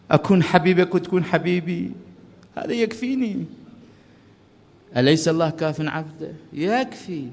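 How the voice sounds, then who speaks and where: A man with an Iraqi Arabic accent preaching a sermon from the pulpit of a mosque hall, swinging between fervent calls and hushed pleading. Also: sits high. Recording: long reverb of a large hall.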